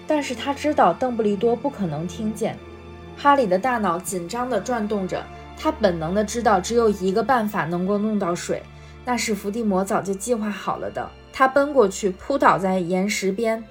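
A woman reading a storybook chapter aloud in a steady, expressive voice. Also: medium pitch. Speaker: guest reader.

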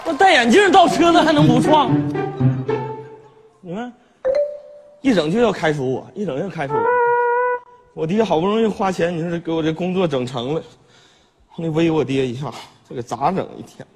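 A man's voice: fairly high pitch, a little fast, long pauses, over loud music. A man performing sketch comedy, whiny and complaining. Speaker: comic actor playing a son. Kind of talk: northeastern Chinese sketch comedy.

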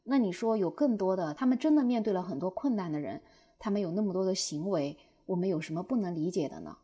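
A young woman telling viewers a personal story in a lively way, acting out her own past outbursts. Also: on the low side, quick pace, husky. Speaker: short-video creator.

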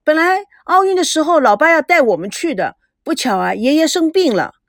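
A woman's voice: high voice, a little fast, dry recording, clean studio sound, pitched above the performer's own voice. A woman voicing a spoiled, chatty teenage granddaughter who wheedles and teases. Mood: excited chatty. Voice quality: bright, coaxing, lively.

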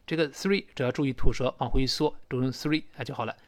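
A man teaching English pronunciation in Mandarin, asking rhetorical questions and repeating phrases slowly. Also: medium pitch, no room sound, clean studio sound.

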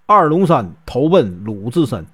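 A man with a Northeastern Mandarin accent telling a classic tale in a chatty way, with many drawn-out fillers. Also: medium pitch, very animated, slightly rough. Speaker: storyteller. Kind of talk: casual storytelling.

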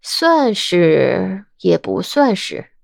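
A woman voicing a sharp, stubborn young investigator who argues everything, in an audiobook drama, with a wry, argumentative manner. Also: medium pitch, big pitch swings, drawn-out words, vocal fry, dry recording, clean studio sound, heavily acted. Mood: knowing.

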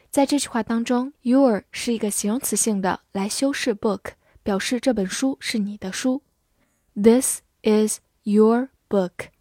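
A woman whose first language is Mandarin Chinese, teaching English vocabulary. She spells each word letter by letter and repeats the example sentences slowly. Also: fairly high pitch, warm tone, no echo, studio quality. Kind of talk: slow, clear vocabulary lesson.

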